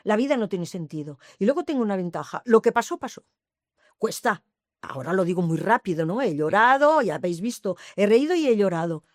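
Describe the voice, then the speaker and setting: A woman's voice: medium pitch, sing-song, brisk, a little mellow, no room sound, studio quality. A woman, telling her life story in an interview with emphatic repetitions. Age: 80s. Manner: emphatic, repeats phrases, swears to the listeners. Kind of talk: emotional personal storytelling.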